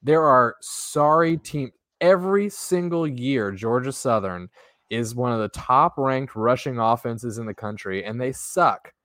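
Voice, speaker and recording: A man co-hosting a sports podcast, giving quick, opinionated takes that trail off into mutters. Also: medium pitch, a bit bright, no echo. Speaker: podcast co-host. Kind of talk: casual sports podcast chat.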